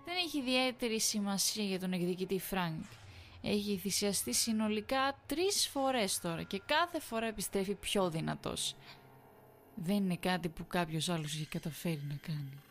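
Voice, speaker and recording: A woman's voice: mid-range voice, animated, a bit bright, faint music behind. A woman voicing a sinister, sweetly menacing village woman who keeps insisting.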